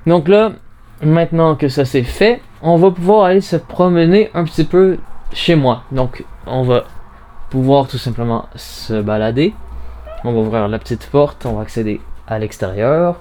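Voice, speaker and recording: A man's voice: on the high side, moderate pace, warm tone. Chatty man demonstrating audio gear. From Canada. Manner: chatty, informal, narrates own movements step by step. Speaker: podcast host reviewing audio recorders. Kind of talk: casual product demonstration. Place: small home studio and narrow hallway. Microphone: recorder's internal mic, later binaural in-ear microphones.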